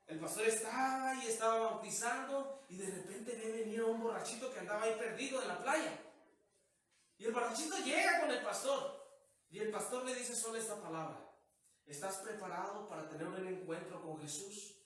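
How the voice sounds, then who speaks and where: A man's voice: extremely high pitch, lively intonation, brisk, a bit bright. A man preaching a sermon as pastor, often tossing rhetorical questions to the congregation. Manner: peppers talk with rhetorical questions. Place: church sanctuary. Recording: echoey hall, mic far off.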